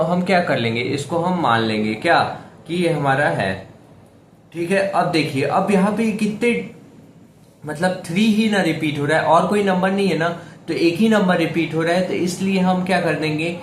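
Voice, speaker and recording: A man teaching a math lesson step by step. He talks patiently and keeps asking and answering his own questions. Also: fairly high pitch. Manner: patient, repeats questions to the viewer, says "theek hai" often. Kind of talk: step-by-step classroom explanation. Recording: echoey room with faint background hiss.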